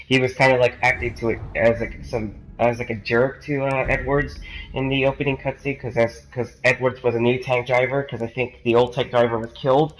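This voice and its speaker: A rough recording captures a gaming YouTuber with a cold talking a little fast in a mid-range voice with little pitch variation. His casual, rambling commentary is packed with fillers and restarts, and game audio plays behind him.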